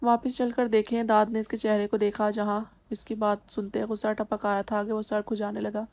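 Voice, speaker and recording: Woman narrating an audiobook novel, even tone. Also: medium pitch.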